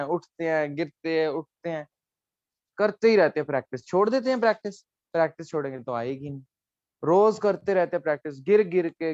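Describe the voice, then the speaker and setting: A man's voice: a little high, darkish tone, no echo, muffled recording. A man teaching a live online class, explaining letters patiently and coaxing students, dropping in English phrases.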